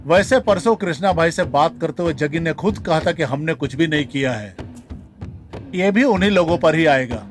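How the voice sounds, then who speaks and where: Man doing a brash young thug, high voice, faint music. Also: lively intonation, normal speed, close to an everyday voice. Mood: dismissive. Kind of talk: Hindi film dub.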